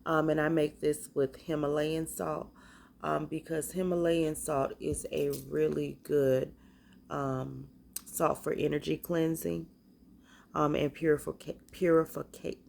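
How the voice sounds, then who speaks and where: Low and flat, with vocal fry and a slightly mellow quality, a woman with a stuffy cold casually shows off the spiritual bath and body products she makes. She speaks haltingly and hesitantly, and there's a faint hiss or hum in the background.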